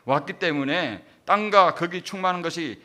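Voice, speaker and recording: A man's voice: fairly high pitch, normal speed, bright, forceful tone. A middle-aged man, a pastor preaching a sermon with emphatic rhetorical questions to his congregation.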